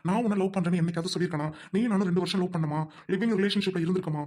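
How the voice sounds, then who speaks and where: Man playing a fast-talking, firm young groom. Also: high voice, fairly even intonation. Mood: angry. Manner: forceful scolding, then gently reassuring. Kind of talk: amateur audio drama.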